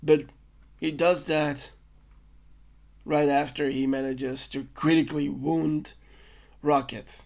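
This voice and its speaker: A man's voice: a little high, level tone, takes it slowly, vocal fry, long pauses, darkish tone. A man hosting a podcast, recapping a film in a casual, rambling way, often stopping to correct himself. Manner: rambling, self-correcting, stammers on restarts. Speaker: podcast host.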